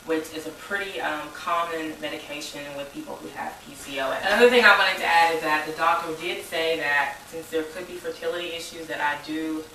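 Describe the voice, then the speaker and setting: A woman's voice: sits low, steady tone, fairly quick, few pauses, bright, forceful tone, recorded from a distance, slight background noise. A woman, rambling in a casual personal vlog. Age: 20s. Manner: rambling, informal, says y'all. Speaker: vlogger. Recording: echoey room, voice a bit off mic.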